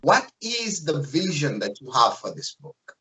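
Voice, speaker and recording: A man's voice: on the high side, very animated, measured pace, bright, forceful tone, poor audio. A man hosting an interview, enthusiastic and encouraging toward his guest. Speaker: interview host.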